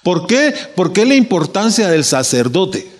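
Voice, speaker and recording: A man's voice: on the high side, very animated, a little slow, long reverb tail. A man preaching a sermon, asking his listeners questions and restarting his phrases as he builds his point.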